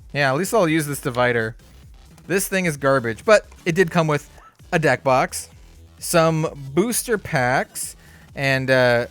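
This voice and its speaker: A man running a card game channel chats easygoingly through an unboxing, upbeat and full of filler words. His mid-range voice is a bit bright but slightly hoarse.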